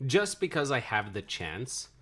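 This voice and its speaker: A man's voice: medium pitch, sing-song, unhurried, fairly bright tone, breathy edge. A man streaming a video game, reacting with wry jokes and frequent laughter. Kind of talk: casual game stream commentary.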